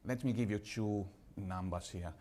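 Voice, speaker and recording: A man from Italy with an Italian accent, speaking on a conference panel as a pharma executive, measured and slightly halting in English. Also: fairly low pitch, dark tone, slight background noise.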